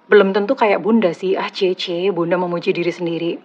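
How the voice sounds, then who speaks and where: Indonesian woman tarot reader, slightly husky, chatty and teasing, casual one-to-camera reading, a bit lo-fi. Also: fairly low pitch, steady tone, a little fast, darkish tone. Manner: chatty, teasing, laughs at own jokes. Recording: slightly dull lo-fi audio.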